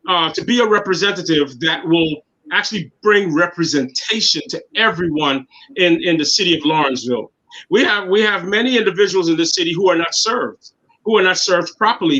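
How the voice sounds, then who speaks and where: In dull lo-fi sound, a bright, high-voiced man from Guyana in his 50s, a city councilman, speaks as a guest in casual interview talk. He comes across as earnest, repeating words as he searches for his thoughts.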